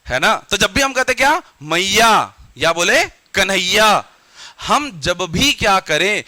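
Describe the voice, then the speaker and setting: In a classroom grammar lesson, a man with a very bright, high-pitched voice fires off questions and repeats the students' replies to reinforce them. The sound is close and dry, with no echo.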